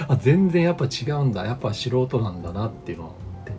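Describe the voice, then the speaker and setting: A man's voice: mid-range voice, very animated, fast talker, dark tone, faint music behind. A man in his fifties chatting casually and at length as host, rambling and often laughing at himself. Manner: rambling, laughs often, self-deprecating asides. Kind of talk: casual solo chat.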